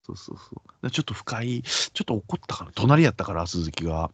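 A man with a Kansai accent tells a story in casual chat, his pitch swinging widely as he acts out each person in it. His voice sits low and a little husky. The sound is dry and dull, like a lo-fi recording. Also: fast talker, no echo. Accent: Kansai Japanese. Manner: animated, acts out quoted voices in pitch jumps and whispers.

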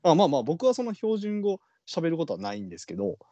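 A man's voice: fairly high pitch, wildly swooping pitch, fast talker, mellow, dry recording, dull audio. A man with a Kansai accent, a podcast co-host chatting casually and rambling with many fillers. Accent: Kansai Japanese. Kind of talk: casual chat.

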